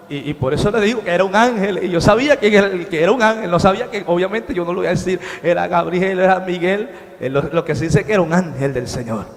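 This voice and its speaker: A man's voice: high-pitched, creaky. A man giving a fervent sermon testimony, speaking directly to his listeners in a large church hall. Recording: long hall reverb.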